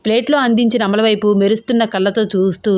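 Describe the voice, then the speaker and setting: A woman tells an audio story expressively, shifting voice for each character. Her pitch is average for a woman. The recording is dry and close. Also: steady tone, fast, a little mellow, dry recording. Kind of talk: scripted audio story narration.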